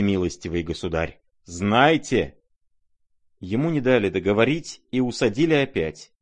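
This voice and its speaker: A man narrating a classic novel as an audiobook, dramatic and measured. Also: fairly low pitch.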